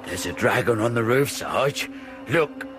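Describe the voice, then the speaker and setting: An actor playing a scruffy, cheeky lowlife watchman with a deadpan manner. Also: measured pace, lightly acted. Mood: wary.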